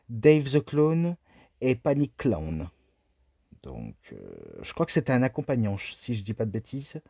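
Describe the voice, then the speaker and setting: Man, amateur wrestling reviewer: slow, halting, mellow tone, dry close sound. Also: mid-range voice, no room sound. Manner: hesitant, full of "euh" and "ben" fillers; apologetic, self-correcting. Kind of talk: casual solo review monologue.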